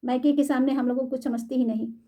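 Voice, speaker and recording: A woman's voice: sits high, steady tone, quick pace, dark tone. A woman voicing a rude hot-headed village man. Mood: complaining. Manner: rough and scolding.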